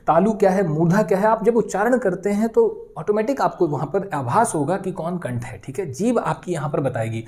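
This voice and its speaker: A woman's voice: mid-range voice, a little mellow. A woman teacher giving an exam-prep grammar lesson, explaining step by step and sounding out letters to demonstrate. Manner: explanatory, often adds "ठीक है" and "दोस्तों".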